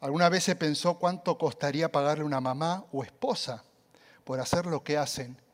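Man preaching, animated storytelling, loud cries and soft asides, slightly high voice. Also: fairly quick. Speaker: pastor. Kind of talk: sermon.

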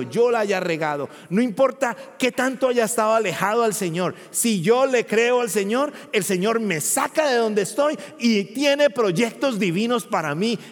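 High-voiced preacher in an echoing hall. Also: male voice. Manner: emphatic preaching with rhetorical questions, rising to loud peaks. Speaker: pastor. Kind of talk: sermon. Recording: long hall reverb.

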